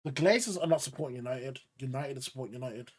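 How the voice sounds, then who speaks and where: A man's voice: medium pitch, fast talker, a little mellow, slightly rough. A man podcast host in a casual football debate, insistent, repeating himself to hold the floor and swearing casually.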